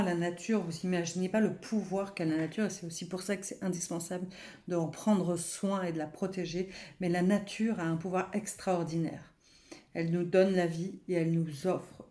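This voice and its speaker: A woman speaking French as a personal development coach, guiding listeners gently with many pauses and fillers. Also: fairly low pitch, roomy sound. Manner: soft, unhurried, guiding with many fillers and restarts; counts slowly through a breathing exercise. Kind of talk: gentle personal growth video talk.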